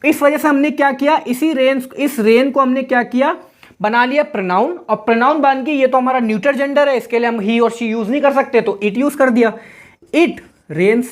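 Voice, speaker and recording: Higher-voiced woman patiently teaching grammar. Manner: patient, repetitive explaining, reads example sentences slowly. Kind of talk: online grammar lesson.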